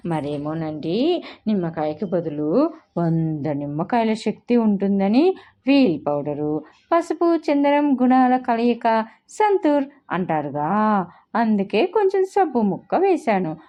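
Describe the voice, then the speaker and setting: A woman's voice: very animated, slow pace. A woman narrator voicing a naive young village wife who speaks innocently and pleadingly, in a storybook reading. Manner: innocent, plaintive, high-pitched pleading. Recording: dull lo-fi recording.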